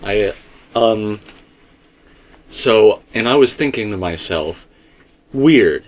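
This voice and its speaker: This slightly low-voiced man hosts an easygoing discussion of theories, laying out his case in an emphatic, meandering way. He sounds expressive and speaks slowly.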